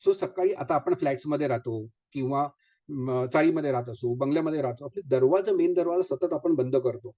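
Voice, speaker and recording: A man's voice: on the high side, fairly quick, dark tone. A man, a vastu consultant giving a live talk to an audience. He speaks in a chatty way, drops English phrases into his speech and keeps asking rhetorical questions.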